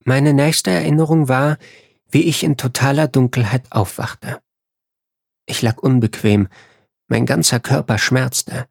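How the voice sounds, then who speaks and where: Man, audiobook narrator, first-person story, measured, husky voice, dry close sound. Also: mid-range voice, steady tone, a little mellow, no room sound.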